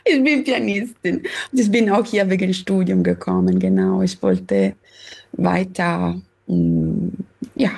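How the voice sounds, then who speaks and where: Gravelly, husky Italian woman on a video call. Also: on the low side, lively intonation, slow, a little mellow. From Sicily, Italy. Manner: hesitant, searching for words, laughs often. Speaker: guest pianist. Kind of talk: casual interview on video call. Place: her home. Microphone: video call from home.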